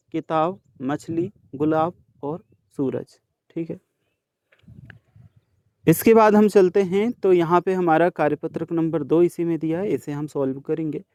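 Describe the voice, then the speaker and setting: A man teaching students, his voice a touch high. He sounds out the letters one by one at a slow, deliberate pace and talks straight to the class. The recording is close and dry, with no room sound. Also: darkish tone, no room sound. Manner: addresses students directly. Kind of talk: worksheet solution lesson.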